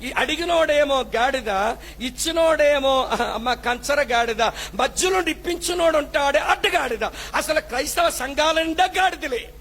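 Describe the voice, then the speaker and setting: A man's voice: very high voice, moderate pace, a bit bright. A male pastor, preaching a fervent sermon and scolding the congregation with rhetorical questions.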